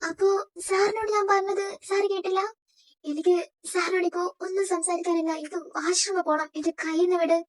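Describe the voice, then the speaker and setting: A woman's voice: extremely high pitch, fairly even intonation, fairly quick. A woman voicing a timid young female personal assistant who pleads and defends herself. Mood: defensive.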